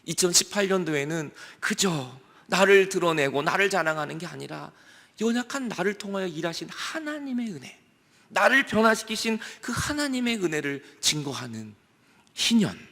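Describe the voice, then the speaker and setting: A male pastor preaching a year-end sermon, telling anecdotes in an animated, conversational way. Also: high-pitched, moderate pace, gravelly. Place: church sanctuary. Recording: long hall reverb.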